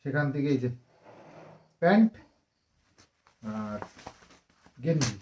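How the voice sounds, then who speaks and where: A woman with a rumbling low voice and big pitch swings talks slowly, and the sound is lo-fi. She is a family vlogger from West Bengal chatting at home to camera, worn out from a long ride, rambling with fillers and lovingly teasing a child.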